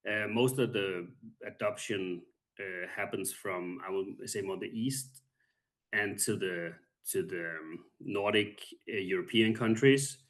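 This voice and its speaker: A calm, low-voiced man in his 30s from Denmark speaks with a Danish accent as a guest in a casual interview. He's soft-spoken and halting, pausing often.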